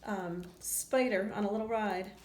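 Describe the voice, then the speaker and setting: A woman with a mid-range voice reads a children's picture book aloud at an unhurried pace, acting out the lines with feeling. She keeps stopping to chat casually with her young listeners. The recording has a roomy echo and faint background noise.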